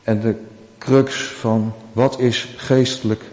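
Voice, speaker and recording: Dutch-speaking preacher in a reverberant hall. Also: male voice, medium pitch, flat delivery, slow, a little mellow. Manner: earnest, acts out quoted dialogue with rising emphasis. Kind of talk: sermon.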